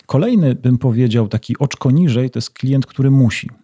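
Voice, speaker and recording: A middle-aged man, a consultant being interviewed, explaining his work in a measured way with rhetorical questions. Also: medium pitch, lively intonation, warm tone, slightly rough, no room sound. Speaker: business intelligence consultant, guest. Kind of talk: interview answers.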